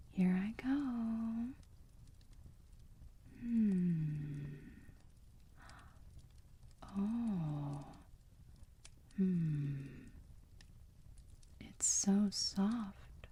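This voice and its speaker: In an ASMR roleplay, a woman performs a doting female vampire who whispers, using a full character voice in the mid range. Her delivery is very breathy and extremely dark and soft, slow and soothing as she coos with motherly, protective tenderness and curiosity.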